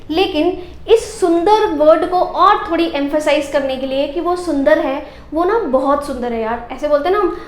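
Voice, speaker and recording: A woman's voice: high-pitched, echoey room, a little hiss or hum. A woman teacher giving a grammar lesson, explaining step by step and asking questions she answers herself.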